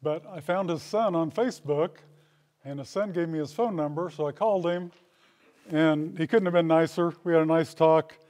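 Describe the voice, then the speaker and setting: A man's voice: a little high, normal speed, a little mellow. A man near seventy giving a hall of fame acceptance speech at a podium in a school hall, telling old stories with dry humor. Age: 60s. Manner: folksy storytelling with dry humor. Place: school hall with brick walls. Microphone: podium microphone.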